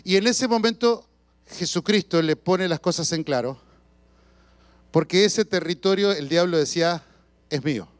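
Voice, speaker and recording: High-voiced, lively pastor. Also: male voice, moderate pace, clear, resonant tone, no echo. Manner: storytelling with shouts and sound effects; asks the congregation questions. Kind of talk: sermon. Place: church.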